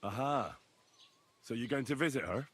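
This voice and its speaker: An actor playing a wry young male soldier in a game, asking lively questions. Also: medium pitch, moderate pace, slightly rough. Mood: curious.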